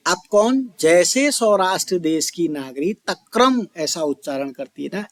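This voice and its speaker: A man's voice: high-pitched, no room sound. A man teaching a Sanskrit verse in a lesson video, calling his listeners children and asking and answering his own questions. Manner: chants verses slowly. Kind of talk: classroom explanation video.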